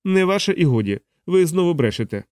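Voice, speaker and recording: Man doing a snide high-voiced major. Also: sing-song, fairly quick, darkish tone, smooth, dry recording, studio quality. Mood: snide reproach. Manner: snide, reproachful, mock-soothing. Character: sly sanctimonious sharp-faced male army major.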